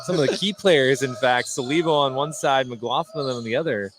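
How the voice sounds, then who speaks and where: Bouncing basketballs and general gym noise fill this recording as an American man gives live play-by-play from courtside. His voice is mid-range and his pace moderate.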